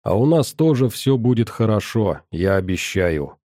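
Male reader as a teasing, ironic young hero; low, dry audiobook read. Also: very animated, moderate pace, dark tone, no room sound. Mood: tender. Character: young man, teasing and wry.

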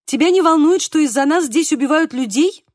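Woman reading as a sharp-tongued scolding older woman. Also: sits high, lively intonation, brisk, no room sound, studio quality, pitched above the performer's own voice. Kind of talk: audiobook reading.

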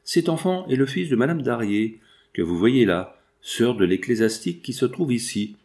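A man voicing a calm, watchful male painter who explains things in a measured, deliberate way. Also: medium pitch, close to an everyday voice.

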